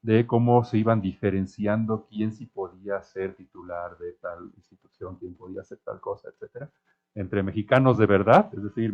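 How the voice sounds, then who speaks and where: A man on an academic panel, talking wryly and with sarcasm as a self-described cynic. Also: on the low side. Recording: thin phone-like sound.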